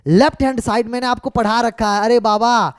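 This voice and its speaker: A man's voice: extremely high pitch, steady tone, a little fast, clean tone, no echo, clean studio sound. A man tutoring students through exam paper solutions, mixing English terms into his explanation, scolding and coaxing them and often checking whether they have understood.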